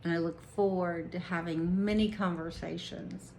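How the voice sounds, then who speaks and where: A woman vlogger speaking earnestly and deliberately about her own experience, with occasional restarts. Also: on the low side, steady tone, gravelly, darkish tone, a little hiss or hum, poor audio. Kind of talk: personal reflective monologue to camera.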